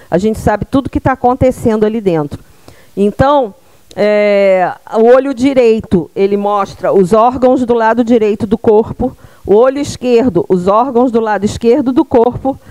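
A woman's voice: fairly high pitch, a little mellow, no room sound. A middle-aged woman from Brazil giving a public health lecture in a small room, speaking into a handheld microphone and checking in with her audience through frequent tag questions.

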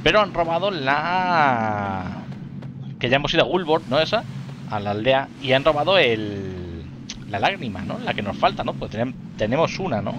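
A man's voice: medium pitch, very animated, normal speed, dull audio, background noise. A man commenting casually on a video game, rambling and thinking aloud, laughing often. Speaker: let's play gamer. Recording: game music loud underneath. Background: game music.

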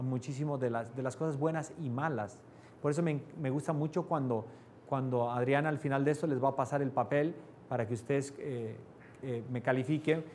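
A man teaching a live class to a small audience, often asking "¿no?" and raising or dropping his voice to stress points. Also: a little hiss or hum. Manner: varies pitch and loudness for emphasis, asks "¿no?" often. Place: class room with air conditioning.

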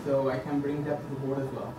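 Here an Egyptian board candidate in his thirties talks fast in a mid-range voice with an entirely flat delivery. He gives his campaign presentation earnestly from a podium in a meeting room, full of hesitations and fillers, and the distant camera leaves the sound echoey and hissy.

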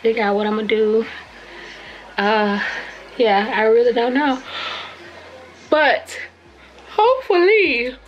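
Slow-talking woman vlogging from her bedroom. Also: a little high, highs cut off, faint music behind. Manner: relaxed, rambling, sleepy. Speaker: family vlogger. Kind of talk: casual vlog chat. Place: bedroom at home. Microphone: phone camera at arm's length.

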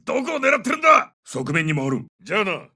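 A man's voice: fairly high pitch, a little fast, a bit bright, raised voice, recorded from a distance. A man voicing a tough, seasoned military captain in a shooter game, giving terse, commanding combat callouts. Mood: urgent, shouted. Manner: terse, commanding radio-call delivery. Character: tough, seasoned British male special forces captain. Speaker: video game voice actor.

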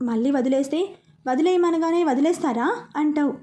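A woman's voice: high-pitched, brisk, dark tone, close to an everyday voice. A woman reading the part of a playful young man who teases the woman he loves in a romantic storybook narration. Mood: teasing. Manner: teasing, playful. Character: young man Prashanth, playful teasing lover.

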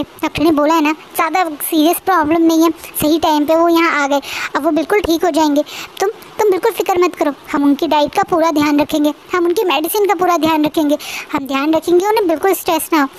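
A woman voicing a gentle, anxious young man who soothes and pleads in a storybook retelling. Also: high-pitched, a little hiss or hum, natural voice, low-quality recording.

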